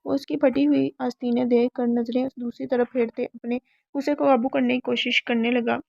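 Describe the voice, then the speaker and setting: A woman narrates a romance novel in a steady reading voice, pitched a little high with a gravelly, fry-laden edge. Her delivery is flat, with little rise and fall. The recording is dry and somewhat dull and lo-fi. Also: dry recording.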